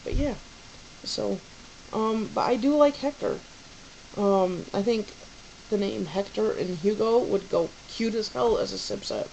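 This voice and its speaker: A woman's voice: medium pitch, vocal fry, darkish tone, a little hiss or hum, rough recording. A young woman vlogging about baby names in a rambling, casual way, full of fillers and restarts.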